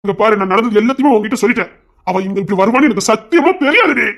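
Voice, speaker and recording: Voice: mid-range voice, animated, rapid-fire, fairly bright tone. A performer voicing an anxious young husband in an audio drama who keeps pleading and swearing he is innocent. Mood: defensive.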